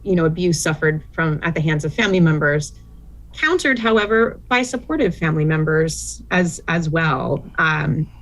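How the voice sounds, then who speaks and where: A middle-aged woman professor answering interview questions in a measured, thoughtful way with frequent fillers. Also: sits low, lively intonation, rough recording. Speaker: guest expert, professor.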